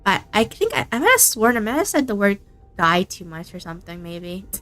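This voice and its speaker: A woman's voice: mid-range voice, big pitch swings, a little fast, fairly bright tone, no echo, faint music behind. A woman streaming a game, chatting casually and giggling often. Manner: giggly, chatty, self-mocking.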